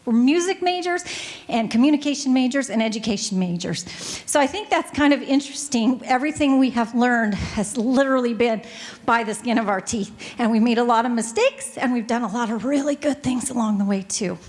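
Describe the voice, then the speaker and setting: A middle-aged woman with a Pacific Northwest American accent, speaking on a business panel into a handheld microphone in a hotel ballroom, chatty and quick, joking with the audience. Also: fairly high pitch, a little mellow. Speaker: panelist, music store owner. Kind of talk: panel talk to a live audience.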